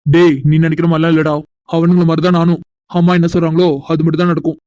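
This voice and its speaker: Man playing a cocky young city guy in a cartoon, quick and angry, flat delivery, dry sound. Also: a little high, dry recording, highs cut off, natural voice. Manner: angry, boastful, vengeful. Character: proud, hot-headed young city man. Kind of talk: cartoon voice acting.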